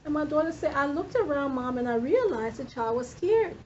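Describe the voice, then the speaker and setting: A woman in her fifties giving a lively classroom lecture, quizzing her students as a nursing instructor. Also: high voice, fairly quick. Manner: animated, questioning the class. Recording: dull lo-fi classroom recording with faint noise.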